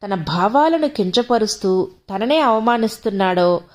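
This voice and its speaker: A woman reading a short story aloud for an audiobook channel, calm and even. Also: medium pitch, moderate pace. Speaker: audiobook narrator, channel host. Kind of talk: storytelling narration.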